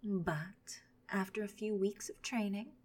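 A woman's voice: mid-range voice, unhurried, a little mellow, close to an everyday voice. A woman voicing a vindictive jilted ex-girlfriend in an audio roleplay, often whispering as she gloats. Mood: taunting.

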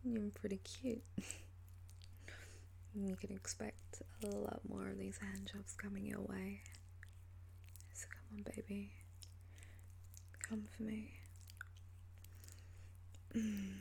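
A woman with a sultry voice performs an ASMR role-play as a seductive lover. She speaks very slowly and teasingly, often dropping into a breathy soft voice. Her tone is mellow, with a creaky edge. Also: mid-range voice, little pitch movement, slight background noise. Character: flirtatious, teasing female lover.

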